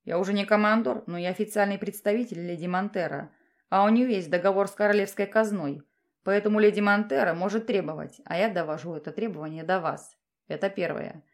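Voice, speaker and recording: A woman reading an audiobook, voicing a male noble commander who talks in a soft, low voice and turns firm when he gives orders. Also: fairly quick, natural voice. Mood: stern. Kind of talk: audiobook character voice.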